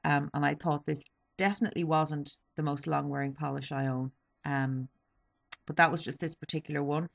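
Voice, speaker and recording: A beauty vlogger in her twenties talks through a beauty haul in a casual product review, her low voice steady in tone with vocal fry at a moderate pace. She sounds a little sniffly and fills her chat with ums and self-corrections.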